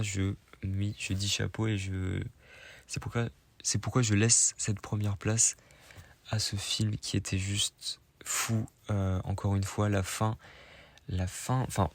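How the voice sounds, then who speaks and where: A man talks casually through his favourite films, often pausing on fillers and restarting sentences. His voice sits low. The sound is dry and close, with no room around it. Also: no echo. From Iranian heritage. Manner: hesitant, many fillers and restarts. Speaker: film vlogger. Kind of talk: casual film review monologue.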